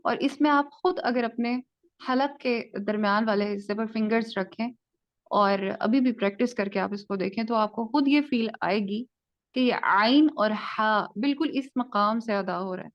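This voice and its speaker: A woman teaching a basic tajweed lesson in Urdu, explaining step by step and slowly modelling each sound. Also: on the high side. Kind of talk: online lesson. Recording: dull lo-fi audio.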